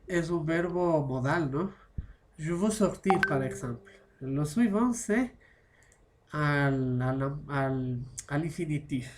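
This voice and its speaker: Slow, patient man teaching French grammar. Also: on the high side. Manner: checks understanding with constant "¿ya?" and "¿no?" tags; switches between Spanish explanation and French examples. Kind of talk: classroom grammar explanation.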